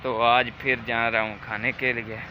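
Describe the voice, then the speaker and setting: Over very noisy audio, a man from Pakistan vlogs outdoors while strolling through his village lane to a shop, talking chattily to viewers directly despite a slightly sore throat. His medium-pitched voice moves little in pitch and keeps a normal speed.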